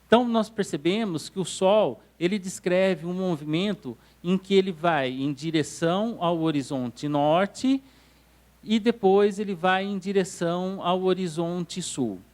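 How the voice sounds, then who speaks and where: A man's voice: sits high, measured pace, a little mellow. Brazilian man giving an astronomy lecture. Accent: Brazilian Portuguese. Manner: explanatory, checks understanding with "tá certo?". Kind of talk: classroom lecture. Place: council hall lecture room.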